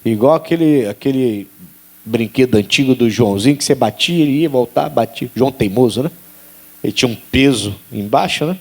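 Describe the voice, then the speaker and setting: A male pastor preaching a sermon, animated, rising to sharp high exclaims and acting out dialogue. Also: a little fast. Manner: acts out quoted dialogue.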